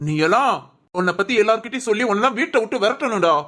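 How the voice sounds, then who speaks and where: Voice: mid-range voice, racing, fairly bright tone, natural voice. An actor playing a stern middle-aged uncle who lectures his nephew in a raised, indignant voice in a village family drama. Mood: angry.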